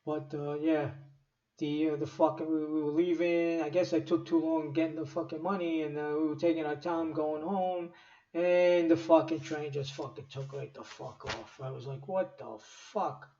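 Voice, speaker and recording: A man's voice: a little high, steady tone, normal speed, dark tone. A man tells a story in a loose, rambling way, swearing often and stopping to restart his sentences. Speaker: storyteller vlogger. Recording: echoey, distant, dull home recording.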